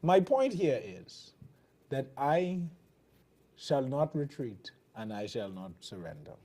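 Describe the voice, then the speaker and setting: With a mid-range, mellow voice that swings widely in pitch, a man from the Bahamas speaks slowly in a Bahamian accent. Hosting a TV commentary show, he gives fiery, emphatic political commentary in a preaching cadence, recorded as a television broadcast.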